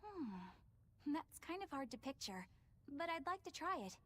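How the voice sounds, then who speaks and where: An earnest young exorcist from a game, high-voiced and lively in pitch. She speaks sincerely and with open feeling. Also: measured pace, a little hiss or hum, heavily acted.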